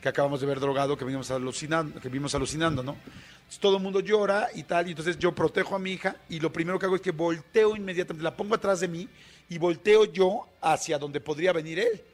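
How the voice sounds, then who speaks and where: Mexican man, higher-pitched storyteller. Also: fast talker. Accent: Mexican Spanish. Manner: colloquial, animated storyteller with many fillers. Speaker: radio guest. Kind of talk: storytelling in a radio interview.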